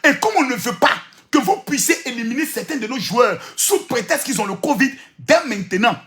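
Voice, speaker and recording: A man with an Ivorian French accent giving an animated, provocative monologue, teasing and repeating himself and often breaking into shouts. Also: extremely high pitch, normal speed. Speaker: social media commentator.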